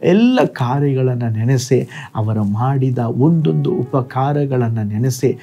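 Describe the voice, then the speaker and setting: Male pastor, short devotional sermon, very slow measured delivery, mellow dark voice, faint music behind. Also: mid-range voice, lively intonation.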